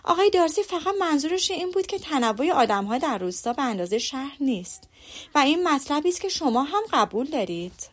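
A woman's voice: sits high, sing-song. A woman reading an audiobook, voicing a witty, sensible young woman who speaks politely and composedly.

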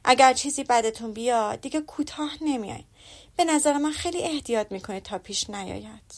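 A woman reading the lines of a witty, spirited young woman in a lively, teasing way. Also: on the high side.

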